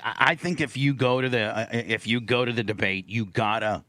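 A man's voice: medium pitch, moderate pace, bright, forceful tone, no echo. A man hosting a talk show, speaking in a casual, direct style. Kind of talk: casual opinionated talk and ad reads.

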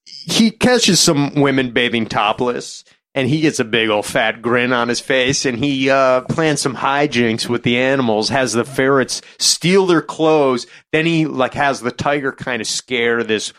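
A man's voice: medium pitch, measured pace, a bit bright. A man co-hosting a movie podcast, recapping the plot in a rambling, profane way with lots of fillers. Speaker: podcast co-host. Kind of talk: casual movie-review banter.

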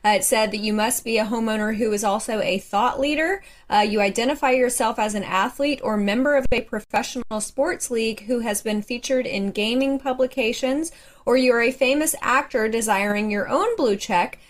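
A woman's voice: fairly high pitch, normal speed. A female West Coast correspondent telling a news story in an amused, wry way. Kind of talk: chatty news segment.

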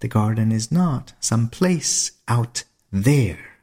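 A man speaking slowly and deliberately in a reflective spiritual talk, pausing for effect. His voice is gravelly and a little husky, and his pitch rises and falls a great deal. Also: animated, warm tone. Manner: slow, deliberate, with dramatic pauses. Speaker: lecturer on mysticism.

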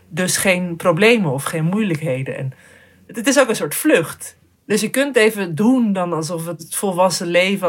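Hesitant young woman telling a story. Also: fairly low pitch. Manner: hesitant, many fillers and restarts. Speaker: guest telling a solo hiking story. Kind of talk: reflective storytelling.

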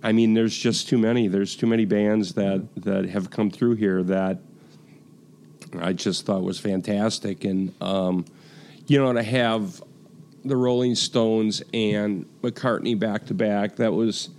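A man in an interview recalling the concerts he has hosted, speaking haltingly with many restarts. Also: lowish voice, steady tone, a little mellow, slight background noise. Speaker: festival executive. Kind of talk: interview talk.

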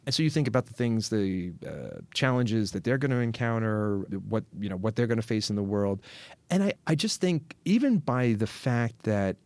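A man's voice: lowish voice, expressive, a little mellow, no echo. Reflective middle-aged male podcast co-host. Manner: reflective, rambling, halting restarts. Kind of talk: casual chat.

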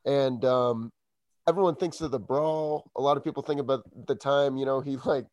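A young adult man hosting a podcast, reminiscing in relaxed casual chat. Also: medium pitch, normal speed, no echo, dull audio. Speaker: podcast host.

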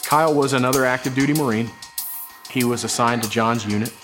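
A man's voice: mid-range voice, fairly quick, music in the background. A man speaking as an investigator, recounting a case in a documentary interview.

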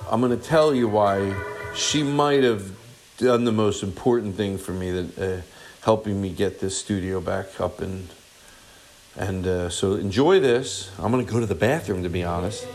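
A man's voice: lowish voice, moderate pace, a little mellow, soft background music. A man hosting a podcast in casual, rambling solo chat, with silly over-the-top showmanship and repeated phrases. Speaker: podcast host.

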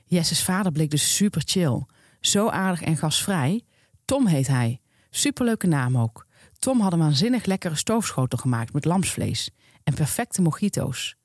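A woman's voice: sits low, very animated, measured pace, hardly any pauses, a little mellow, dry recording, studio quality, heavily acted. A woman reading aloud as a chatty, pouty young blonde woman who gushes about her boyfriend's father. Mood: gushing. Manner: gushing, chatty.

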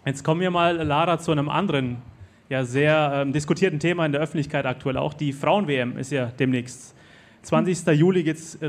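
A man hosts a casual live talk. His voice is fairly high for a man, and he moves between questions to his guest and remarks to the audience. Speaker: host.

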